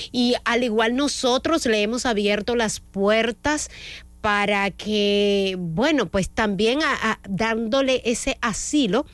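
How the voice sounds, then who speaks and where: A woman's voice: medium pitch, no room sound. A Dominican woman hosts a morning radio music show, chatting freely with fillers and self-corrections. Her voice sits in a middle register for a woman. The studio sound is dry and close. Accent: Dominican Spanish. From Dominican Republic. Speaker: radio host.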